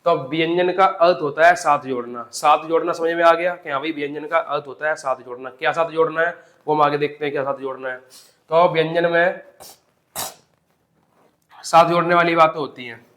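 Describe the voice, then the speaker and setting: A man's voice: fairly high pitch, steady tone, brisk, fairly bright tone. A young man teaching an exam-prep grammar lesson, repeating key points and asking and answering his own questions.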